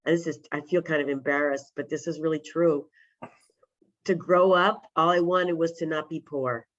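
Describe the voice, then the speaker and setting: A man with a cold and a smoker's rasp, casually introducing himself in an online community meeting. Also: a little high, fairly even intonation, normal speed, fairly bright tone. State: has a cold. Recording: dull, lo-fi video call audio.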